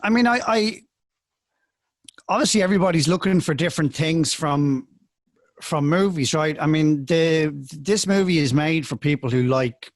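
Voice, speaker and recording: Podcast dude, slightly high voice, keeps restarting his sentences, dry close mic. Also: no room sound. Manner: hesitant, halting, lots of restarts. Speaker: podcast co-host. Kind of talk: casual movie review chat.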